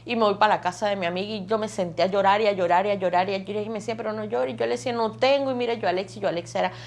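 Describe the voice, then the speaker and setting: A woman's voice: mid-range voice, fairly even intonation, very fast. A woman gives an emotional personal testimony. She tells her story vividly, stacking phrase on phrase and repeating words for emphasis. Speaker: testimony guest.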